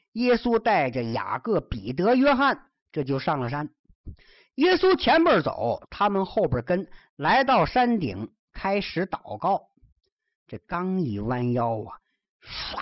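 A woman's voice: mid-range voice, no echo, muffled recording. A woman telling a story in traditional storyteller style, with chatty asides to the listener. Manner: lively, chatty asides to the listener with rhymed verse closings.

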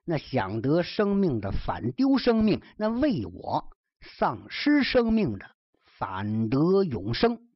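Lady doing a calm teacher guy, low and husky, soft-spoken, dull dry lo-fi sound. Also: slow pace, no echo, heavily acted. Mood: solemn. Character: calm, solemn male teacher, gently instructing.

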